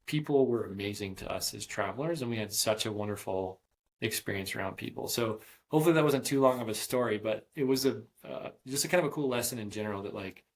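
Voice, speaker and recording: A man's voice: on the low side, quick pace. A man in his thirties, a podcast guest, telling a long travel story in a chatty, rambling way with many fillers and restarts. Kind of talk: casual storytelling interview.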